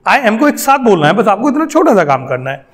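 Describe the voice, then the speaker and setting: A young Indian man gives an English lesson aimed at Hindi speakers. His voice sits high, and he walks through each example patiently, repeating the sentences and checking in with "right?" as he goes. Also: very animated, fairly quick. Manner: explains step by step, repeats example sentences, often asks "right?". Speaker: English teacher.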